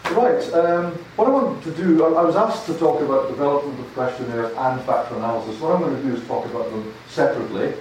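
A fast-talking older man with a Scottish accent, barely pausing, gives a university lecture as a guest speaker. His mid-range voice has a darkish tone, and his style is chatty and self-deprecating, with frequent word repetition. Recorded in a large, echoey hall via a distant handheld mic, with faint noise.

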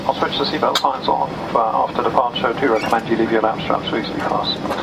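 A man speaking as airline captain, giving a courteous, conversational announcement with pauses over the aircraft PA. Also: mid-range voice, fairly even intonation, vocal fry. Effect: aircraft PA system. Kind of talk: pilot's welcome announcement, airport announcement style. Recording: very noisy cabin PA recording. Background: aircraft cabin and engine noise.

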